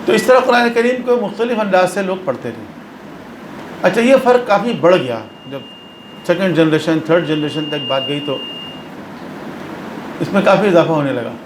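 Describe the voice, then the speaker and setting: A man's voice: high voice, lively intonation, pauses often, echoey room, noisy background. A man giving a religious lesson. He explains patiently and repeats phrases for emphasis. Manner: explanatory, mixes English terms into speech. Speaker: religious lecturer.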